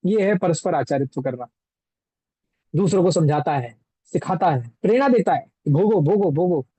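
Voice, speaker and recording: A man's voice: a little high, expressive, moderate pace, dark tone, slightly rough, no room sound, low-quality recording. A man teaching a scripture text, explaining it through everyday examples and rhetorical questions.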